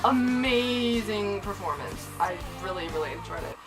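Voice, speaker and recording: A young woman excitedly recapping a TV episode in casual chat, gushing and saying "like" and "oh my god" a lot. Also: medium pitch, normal speed, music in the background, low-quality recording.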